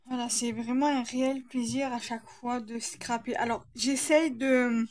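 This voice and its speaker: A woman's voice: a little high, fairly even intonation, unhurried, darkish tone. A woman with a slight lisp, hesitantly thinking aloud as she narrates a casual craft tutorial.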